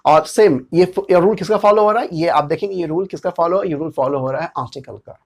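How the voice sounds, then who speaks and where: A man with an Indian accent teaching English pronunciation, spelling out letters and repeating each sound deliberately. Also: fairly high pitch, gravelly. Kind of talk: slow explanatory lesson.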